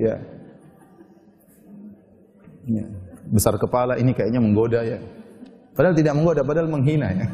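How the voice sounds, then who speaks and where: A man preaching a sermon earnestly, addressing the women listening directly and reciting Arabic verses slowly. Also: mid-range voice, warm tone, long reverb tail. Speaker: Islamic preacher.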